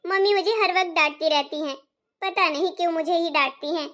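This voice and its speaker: A woman's voice: very high voice, brisk. A woman as a put-upon young bride. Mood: complaining. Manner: complaining, soft-spoken. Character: put-upon young daughter-in-law, sad and dutiful. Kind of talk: family skit acting.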